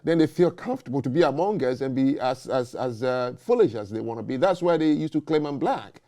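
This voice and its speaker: A man's voice: mid-range voice, expressive, a little fast, warm tone. A man hosting a talk show, making emphatic points and checking in with "okay?" and "you know". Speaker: host. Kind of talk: casual debate talk.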